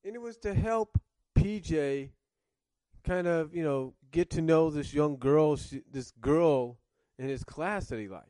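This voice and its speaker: A man's voice: on the high side, measured pace, mellow, no echo. A man reviewing cartoons in casual commentary, rambling and circling back to rephrase, coughing now and then with a cough drop in his mouth.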